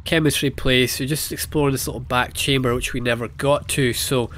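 With a steady, medium-pitched, slightly bright voice and a somewhat fast pace, this let's play host offers sarcastic, casual commentary on the game he's playing. He is a young Scotsman with a Scottish accent who likes jokey asides and putting on mock voices.

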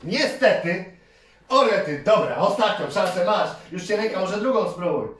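A man, a father and channel host, giving energetic, cheering toy-game commentary for kids and counting down each try. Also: high-pitched, normal speed. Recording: roomy, distant mic, faint noise.

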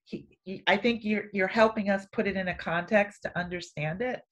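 A woman artist speaking on a panel in a relaxed, conversational way, laughing often. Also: mid-range voice, normal speed. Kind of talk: panel discussion.

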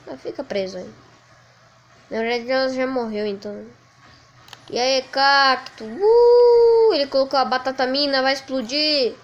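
A woman with a Brazilian Portuguese accent giving let's play commentary, excitedly yelling at the enemies on screen. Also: high-pitched, a little slow, dull audio. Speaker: gaming channel host.

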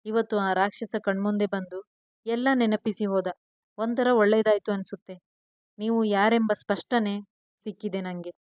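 A woman's voice: mid-range voice, steady tone, normal speed, a little mellow, no echo, lightly acted. A woman voicing a remorseful young woman who pleads and apologizes through tears. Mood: tearful.

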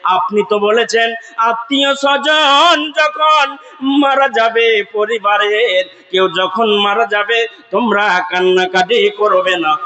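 A man's voice: sits high, lo-fi sound. A male preacher giving an impassioned sermon, asking the crowd questions and breaking into sung chanting of Arabic verses. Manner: impassioned, slips into sung chanting and shouted climaxes; asks the audience call-and-response questions.

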